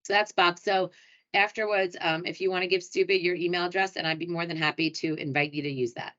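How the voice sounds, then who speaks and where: Presenting a casual webinar as a hotel sales director, a woman from New York City speaks with a local accent in a chatty, upbeat, self-deprecating way. Her slightly low voice has a fairly bright tone, fairly even intonation, and a fairly quick pace. The sound comes through muffled and lo-fi, like a computer mic on a video call.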